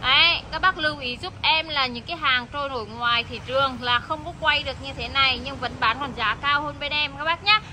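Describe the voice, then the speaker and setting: Lady seller hard selling on a livestream, high piercing voice, pushy and repetitive, some background noise. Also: brisk, few pauses, sharp tone. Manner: insistent, repetitive, urging buyers with prices and deals. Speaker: live sales host selling discount tools and gadgets. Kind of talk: hard-sell live sales pitch. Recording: noisy background hum.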